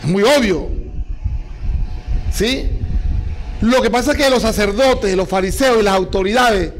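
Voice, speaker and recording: A man's voice: high voice, a little slow, rough recording. A male preacher delivering an emphatic sermon, firing rhetorical questions at his congregation and repeating his points.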